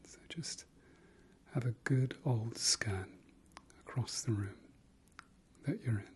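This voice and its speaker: A man guides an ASMR meditation in a soft, breathy whisper that is gentle and halting, full of pauses and trailing repeats. His voice sits in the mid range, with slight background noise.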